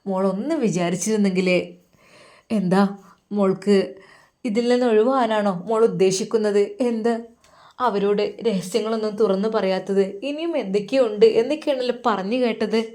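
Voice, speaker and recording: A woman's voice: mid-range voice, moderate pace, dark tone, close to an everyday voice. A woman voicing a motherly, wealthy middle-aged lady who coaxes and questions a young girl in a spoken story. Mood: coaxing. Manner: coaxing, questioning, calls her "mol".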